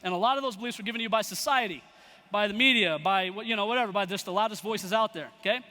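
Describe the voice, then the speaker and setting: A young male motivational speaker gives a storytelling keynote to a live audience in a large event hall, his voice sitting high and rapid-fire. He animatedly acts out the quoted voices in his story, and the recording has long hall reverb.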